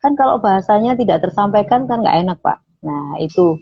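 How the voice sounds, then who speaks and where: A woman's voice: mid-range voice, lively intonation, a little fast, slightly rough. A woman, a radio station manager, explaining public speaking in an online interview and acting out sample phrases. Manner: explains with frequent "nah", acts out sample phrases. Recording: muffled online call audio.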